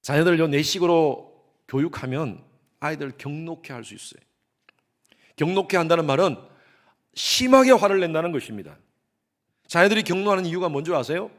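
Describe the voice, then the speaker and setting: Animated Korean-speaking male pastor preaching. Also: a little high, fairly quick, long pauses. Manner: animated preaching, swings between soft asides and loud emphasis; acts out parents' voices in quotes. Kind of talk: sermon.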